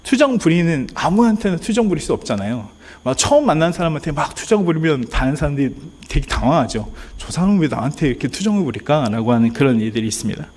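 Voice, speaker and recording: A man's voice: fairly high pitch, sing-song, fast, few pauses, a little mellow, husky. Earnest male pastor preaching. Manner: earnest, addresses congregation directly, acts out pleading prayers. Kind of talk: sermon. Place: church sanctuary.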